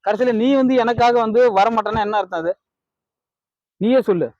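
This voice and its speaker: High-voiced, fast-ranting man. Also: a little mellow, no room sound, muffled recording. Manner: angry, pleading, repetitive rants. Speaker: spurned lover in a comedy sketch. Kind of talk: improvised village comedy skit.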